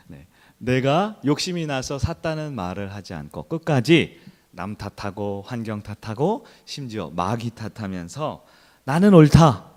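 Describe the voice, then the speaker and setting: A male pastor giving a sermon in church, telling a story with acted-out quotes and swinging between soft and loud. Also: fairly low pitch.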